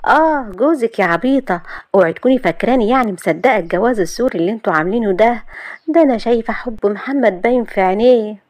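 A woman's voice: a little high, animated, very fast, darkish tone, no room sound, voice pushed up. Woman doing a teasing young friend, playful, dry sound. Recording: dry close recording.

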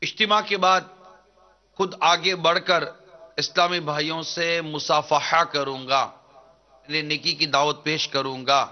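A man preaching a devotional sermon in an earnest, measured declaiming manner. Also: fairly high pitch, steady tone. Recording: dull lo-fi recording.

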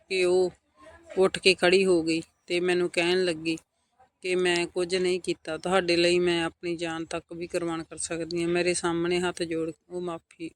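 A man narrating a first-person family story in an earnest, steady way, reading every character's lines himself. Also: high voice. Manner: steady, earnest retelling of family drama, voicing all quotes.

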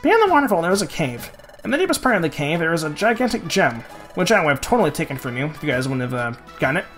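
A man's voice: fairly high pitch, very animated, quick pace, a bit bright, faint music behind, voice pushed up. A man voicing a stingy, pompous male bird who loves big words, in a haughty, fussy voice. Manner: haughty, fussy, show-off vocabulary.

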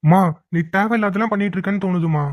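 A woman voicing a doubtful grown son in a cartoon, with a quiet, puzzled way of asking things. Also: racing, natural voice. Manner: puzzled, low-key questions. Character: young man, calm, doubtful grown son. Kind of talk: cartoon voice acting.

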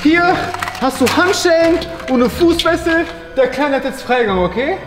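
A young man with a bossy, animated manner, hosting a playful scripted skit. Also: extremely high pitch, moderate pace. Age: young adult. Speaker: host of a challenge video. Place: large workshop hangar indoors. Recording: roomy echo, loud music behind.

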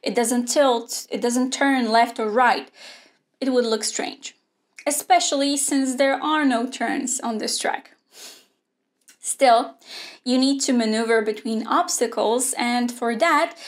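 A young woman presenting a scripted online robotics lesson in a studio, explaining clearly and steadily. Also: on the high side. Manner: clear, measured explaining with hand gestures. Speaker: robotics teacher. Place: indoor studio with a grey backdrop.

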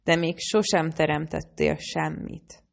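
A cold, scheming woman scientist who hisses her words, read by a woman narrator. The voice sits very low and has a gravelly, creaky grain. It is an audiobook reading. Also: steady tone. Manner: hissing, curt.

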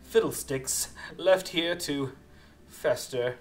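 A man voicing a plucky female jester acrobat from a video game, in a stagy, measured court jester manner. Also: fairly high pitch. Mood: stagy, wistful. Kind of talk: reading game dialogue aloud in character.

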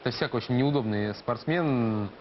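A man's voice: medium pitch, normal speed, noisy background. A man giving live, conversational boxing commentary, piecing his facts together hesitantly. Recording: dull broadcast sound, music behind.

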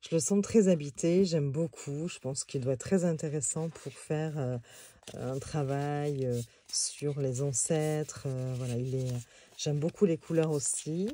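A woman's voice: sits low, measured pace, warm tone. A woman casually reviewing a tarot deck on video, talking in a hesitant way with many fillers and restarts.

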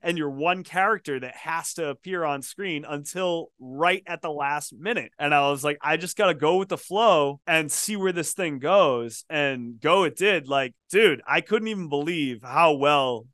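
Bright, dry-voiced man telling a story. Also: fairly high pitch, unhurried, hardly any pauses, no room sound. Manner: animated storyteller, acts out quoted exchanges. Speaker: film director recalling a shoot. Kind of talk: casual conversational recollection.

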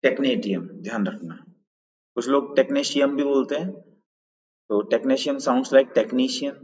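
Taking things slowly, a man with a mid-range, slightly mellow voice teaches a live online quiz lesson and walks through each answer step by step. He greets his chat, checks in with viewers and asks for answers, and the sound is dull and lo-fi with long reverb.

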